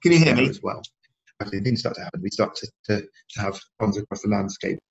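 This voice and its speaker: A man's voice: fairly low pitch, expressive, quick pace, gravelly, breathy edge, lo-fi sound. A man giving a webinar presentation over a video call, his audio cutting out in dropouts. He talks hesitantly, with many restarts and repeated words.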